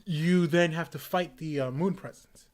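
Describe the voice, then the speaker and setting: A man's voice: on the high side, moderate pace, a little mellow. Young male podcast co-host, casual, rambling, filler-heavy. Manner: rambling, filler-heavy, acts out game characters in silly voices. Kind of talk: casual chat.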